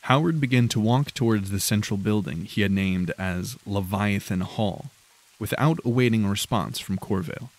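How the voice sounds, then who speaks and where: Guy narrating a dark fantasy audiobook, lowish voice, slow and grave.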